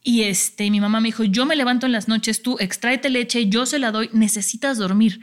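A woman telling her story in a casual, animated conversation. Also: on the high side, moderate pace.

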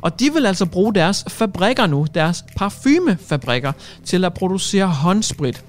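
A man's voice: sits high, very animated. A man hosting a radio show, delivering a cheeky, jokey news monologue and dropping English phrases into his talk.

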